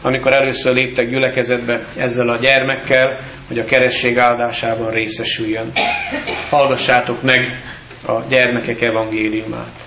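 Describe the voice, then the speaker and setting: A male pastor giving a solemn, measured baptism sermon with scripture readings in a church. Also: medium pitch, level tone, pushed and bright, reverberant, lo-fi sound, slight background noise.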